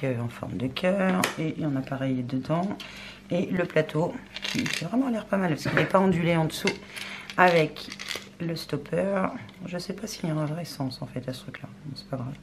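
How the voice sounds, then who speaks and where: A woman hosting a crafts unboxing video, chatting casually and thinking aloud, often murmuring softly. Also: low voice, normal speed. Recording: clear background noise.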